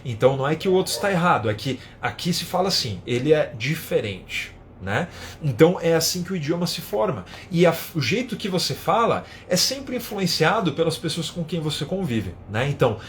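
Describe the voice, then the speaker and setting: A man teaching in a live online lesson, explaining with everyday examples and often adding a quick tag question. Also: fairly high pitch, big pitch swings, a little hiss or hum. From São Paulo, Brazil. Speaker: English teacher.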